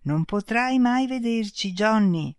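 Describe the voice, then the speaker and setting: A reader voicing two kind, dying alien beings who speak slowly and gently in an audiobook. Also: medium pitch, expressive, no room sound, studio quality, pitched above the performer's own voice. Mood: gentle. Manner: slow, gentle, speaking in unison. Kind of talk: audiobook reading.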